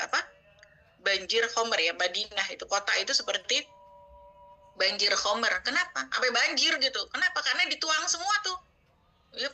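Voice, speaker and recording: A middle-aged woman from Indonesia teaching a Quran study session in a casual, chatty way, with homely asides and soft laughs. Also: a little high. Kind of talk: casual religious study talk.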